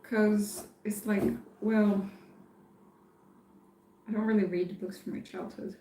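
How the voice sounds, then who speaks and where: A woman who grew up in France, chatting casually on a live stream and thinking aloud with many pauses and fillers. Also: medium pitch, flat delivery, warm tone, slight background noise. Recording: echoey room.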